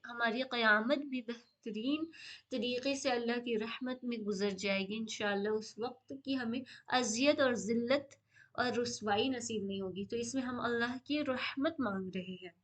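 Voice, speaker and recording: A woman teaching a dua lesson, explaining tajweed slowly and repeating each word for listeners to follow. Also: a little high, a bit bright. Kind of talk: Islamic lesson with tajweed drills.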